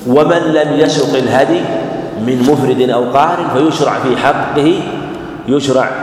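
A man giving a religious lesson, speaking in a measured way and repeating phrases for emphasis. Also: medium pitch, a little hiss or hum. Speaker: Islamic scholar teaching a hadith class. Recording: echoey hall with faint ambience.

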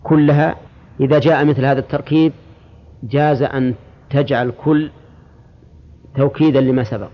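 Man teaching a class on a lo-fi recording. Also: medium pitch. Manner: quizzes students, repeats word forms slowly; slips into colloquial asides. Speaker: religious scholar teaching a class. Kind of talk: classroom lesson, explaining a text. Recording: dull lo-fi lesson recording.

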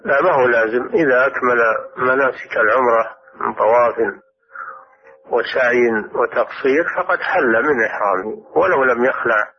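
A man, a scholar, calmly answering listeners' religious questions on a radio program. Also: medium pitch, moderate pace. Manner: calm, explanatory. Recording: dull radio recording.

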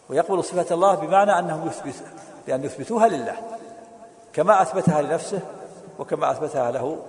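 A man teaching a classical religious text, explaining it quickly, repeating words and correcting his reader. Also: fairly high pitch. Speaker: teacher of hadith. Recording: echoey hall.

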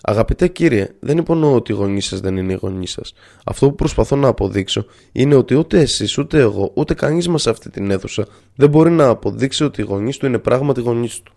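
A man voicing a calm young male student who argues patiently and politely with his professor. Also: medium pitch, natural voice. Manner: steady, patient, polite arguing.

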